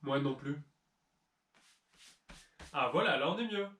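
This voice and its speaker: A man's voice: fairly high pitch, expressive, slow, sharp tone. A man hosting a cooking video, explaining history and ingredients in a playful, teasing way with mock-serious jokes. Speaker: cooking channel host. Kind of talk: jokey cooking video narration. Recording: roomy echo.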